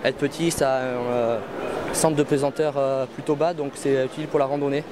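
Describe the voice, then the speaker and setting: A man's voice: mid-range voice, flat delivery, normal speed, noisy background. A young man being interviewed at an agricultural fair, answering casually with many hesitations and fillers. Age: young adult. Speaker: breeder's son presenting donkeys. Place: busy indoor agricultural fair hall. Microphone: handheld reporter mic.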